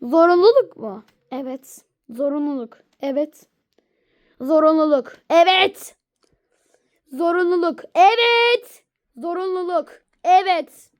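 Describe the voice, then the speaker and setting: A woman with a very high voice performs every toy character in a homemade skit, letting them bicker stubbornly back and forth. She speaks slowly and draws out her lines. The recording is dry and close, with no room sound. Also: dry recording.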